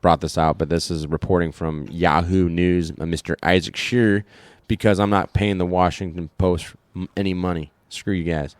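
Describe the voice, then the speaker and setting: Low-voiced Midwestern man reading news. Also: fairly even intonation, moderate pace, few pauses, no room sound. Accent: American Midwest. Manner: rambling, reads news aloud with many fillers. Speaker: podcast co-host. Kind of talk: casual political chat.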